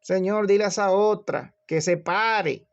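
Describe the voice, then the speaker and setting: A harried woman shouts complaints from her kitchen in a high, strained voice, as a male preacher puts her on. She sounds loud and indignant. The recording is a little muffled. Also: measured pace. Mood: exasperated. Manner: shrill, complaining. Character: exasperated busy woman scolding from kitchen.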